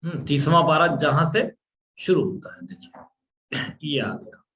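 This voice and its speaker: A man's voice: a little high, animated, unhurried, fairly bright tone. A man teaching an online class on Quran recitation, patiently explaining rules step by step and drawing out sounds to demonstrate.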